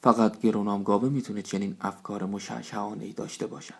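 A man's voice: lowish voice, little pitch movement, creaky, darkish tone, husky. A man voicing a foolish, fawning male village elder in a storybook reading.

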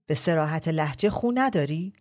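A woman's voice: sits low, lively intonation, a little mellow. A woman voicing a mocking, outspoken middle-aged brother who teases and lectures his sister in a storybook reading. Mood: mocking, lecturing. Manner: teasing, then lecturing.

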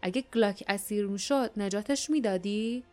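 A woman's voice: mid-range voice, darkish tone, lightly acted. An eager young lad with a voice lifted above the reader's own, as a woman puts him on. He is earnest and curious, and faint music plays behind the audiobook reading. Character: earnest curious teenage boy.

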